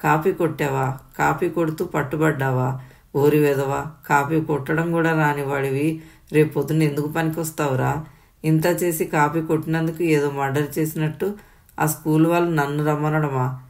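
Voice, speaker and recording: A woman voicing a furious, abusive middle-aged father who yells and sneers at his family. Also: low voice, fairly even intonation, normal speed, vocal fry. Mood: raging. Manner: yelling, sneering and scolding.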